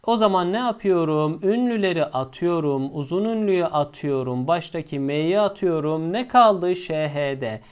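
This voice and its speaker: A male teacher explaining a lesson step by step, asking himself questions and answering them, and drawing out the key words slowly. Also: a little high, animated, clean tone.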